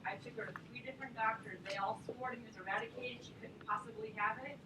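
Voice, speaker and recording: A woman's voice: a little high, fairly even intonation, quick pace. A woman student telling the class an earnest story about her daughter. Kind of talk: sharing a personal story in class. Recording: noisy roomy classroom from far off.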